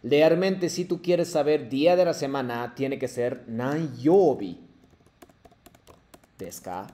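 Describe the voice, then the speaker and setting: A man's voice: fairly high pitch, measured pace, warm tone. A man teaching a Japanese class, switching between Spanish and Japanese, who patiently repeats phrases and models them for his students. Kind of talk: online language class, mixing Spanish and Japanese.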